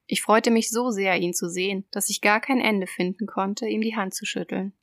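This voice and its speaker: A woman narrating a dark tale in the first person, in a measured, controlled, coldly deliberate way. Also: mid-range voice, fairly even intonation, no room sound, clean studio sound. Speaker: audiobook reader.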